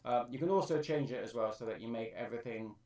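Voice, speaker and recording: A man's voice: mid-range voice, fast talker, darkish tone, echoey room, far from the mic. A man on a live stream, thinking aloud as he explains how he edits his own vocal track. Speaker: streamer and amateur music producer. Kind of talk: live-stream tutorial talk.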